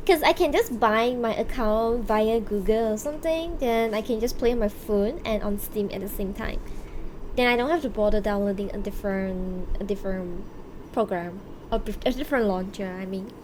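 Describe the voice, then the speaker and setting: On a rough recording with slight background noise, a woman speaks at a medium pitch and moderate pace while live streaming a game. Casual and playful with viewers, she uses gamer slang and the odd swear word, thinks aloud often, and video game music plays behind her.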